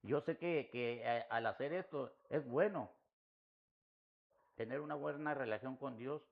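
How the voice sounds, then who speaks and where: A man's voice: mid-range voice, measured pace. Earnest male preacher, dull lo-fi sound. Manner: earnest, addresses listeners as "mi hermano". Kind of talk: sermon.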